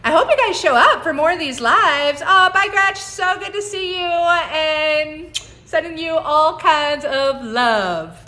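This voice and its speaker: Chatty woman in her forties, bright voice. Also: sits high, animated, slow. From United States. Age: 40s. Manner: chatty, laughs often, greets viewers by name. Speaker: herbalist livestream host. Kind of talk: casual livestream chat. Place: home on a mountain, indoors.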